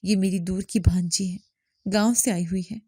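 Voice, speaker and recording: A woman voicing a scheming, threatening rich woman who bullies and bribes in a calm, dark voice. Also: mid-range voice, slightly rough, dry recording, studio quality, lightly acted. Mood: falsely worried. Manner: threatening, coaxing.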